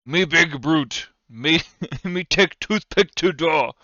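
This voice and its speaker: Man putting on a dopey cartoon bellow, dim slow brute, bright, dull dry recording. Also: a little high, no echo. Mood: mock dopey. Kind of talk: mocking put-on voice at a tabletop game.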